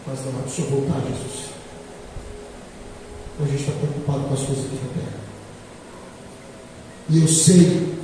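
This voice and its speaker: Pastor, man in his 40s, emphatic sermon delivery, high voice with long echo. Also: a little hiss or hum. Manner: emphatic preaching, swings from quiet to loud. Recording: echoey hall from far off.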